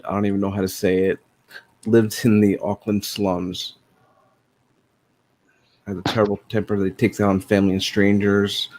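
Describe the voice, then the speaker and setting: A man in a casual group chat, reading a summary aloud haltingly. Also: lowish voice, a little mellow, low-quality recording. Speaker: chat participant.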